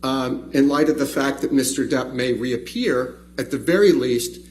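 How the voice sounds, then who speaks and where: A man argues as a trial attorney over a faint background hum. His delivery is deliberate and emphatic, with a rhetorical edge, and his pitch sits in an ordinary male middle range. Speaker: trial attorney arguing a motion. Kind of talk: courtroom legal argument. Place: courtroom.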